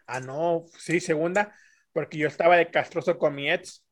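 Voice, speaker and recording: A man's voice: fairly high pitch, moderate pace. A man with a Mexican accent telling crude, slang-heavy anecdotes in a casual podcast chat and acting out the voices of the people in them. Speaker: podcast guest storyteller.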